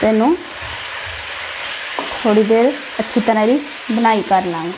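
Speaking a little slowly with a fairly high pitch, a Punjabi-accented cooking channel host narrates a recipe step by step, addressing her viewers directly. She's a home cook standing by the stove in her kitchen. The background carries the noise of a sizzling pan and stirring.

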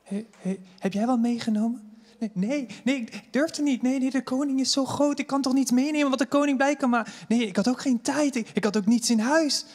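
A man's voice: high-pitched, a little fast, big-room sound. A man playing a timid, poor young man who stammers and hesitates, afraid of the king. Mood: fearful.

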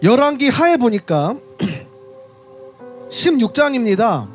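Man preaching outdoors, very high voice, faint music underneath, storytelling delivery. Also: sing-song, slow pace. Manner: storytelling, reading scripture aloud and addressing the audience directly. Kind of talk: sermon at a street worship service. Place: outdoor street worship service.

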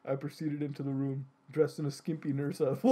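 A man's voice: medium pitch, little pitch movement, a little fast, dark tone, husky. A young man giving a comedic dramatic reading of a silly fan story, often swearing and breaking into laughter.

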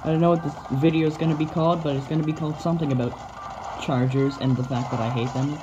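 Woman, low voice, gameplay commentator, playful and self-mocking, excited yelps; slightly dull recording. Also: fast, background noise.

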